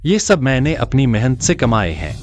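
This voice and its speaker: A man voices a shrewd young man who has come back for a second try and speaks coldly to the fiancée who used him. His speech swings lively in pitch, and light music runs softly behind. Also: normal speed, natural voice. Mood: assured. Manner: blunt and dismissive. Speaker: lead character. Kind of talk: dubbed drama dialogue.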